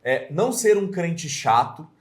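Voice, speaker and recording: A man with a Brazilian Portuguese accent, mentoring on evangelism in a casual, earnest chat, often pausing with hesitation fillers. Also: fairly high pitch, big pitch swings.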